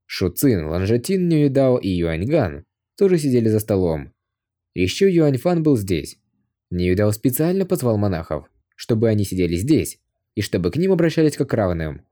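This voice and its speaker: A man reading an audiobook aloud as scripted narration, expressive, lifting his voice for shouted lines. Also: lowish voice.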